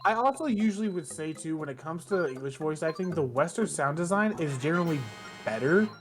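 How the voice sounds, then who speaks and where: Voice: mid-range voice, expressive, fairly quick. A blunt, opinionated streamer who swears often while chatting casually on a gaming stream. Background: game music.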